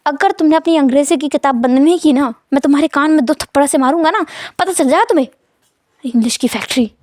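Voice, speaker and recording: A grumpy young man barks threats and scolds in a gruff tone, voiced by a woman. The voice stays high and the recording is dry. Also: fast talker, a little mellow, dry recording, natural voice. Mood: scolding.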